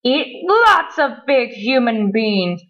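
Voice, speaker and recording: A woman's voice: fairly high pitch, sing-song, muffled recording. A woman putting on the lima bean monster, bellowing. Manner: slow bellowing caveman grammar. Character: huge stinky clumsy male lima bean monster.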